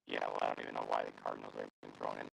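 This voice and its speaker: Deep gravelly man on a staticky call. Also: completely flat delivery, rapid-fire, soft background music. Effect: choppy, staticky, robotic-sounding online call audio. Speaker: co-host on a sports talk show. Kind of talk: casual sports chat. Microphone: remote call microphone. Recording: distant, crackly internet call.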